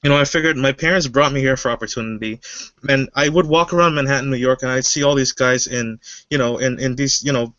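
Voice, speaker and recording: A man's voice: medium pitch, fast talker, a bit bright, no room sound, lo-fi sound. A man from Guyana, a webinar guest, telling his story casually with many fillers. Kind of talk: personal story.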